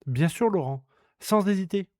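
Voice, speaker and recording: High-pitched man ranting in crude slang. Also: animated, moderate pace, darkish tone, no echo, clean studio sound. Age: about 30. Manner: indignant, crude slang, repetitive. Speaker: streamer hosting a free-talk show. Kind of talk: casual ranting monologue.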